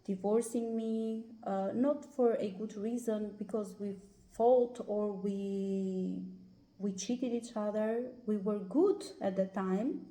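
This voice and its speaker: Slow, hesitant Albanian-accented woman. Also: on the high side, mellow. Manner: hesitant, many pauses and "uh" fillers. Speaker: guest. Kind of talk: personal life story in an interview. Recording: roomy echo.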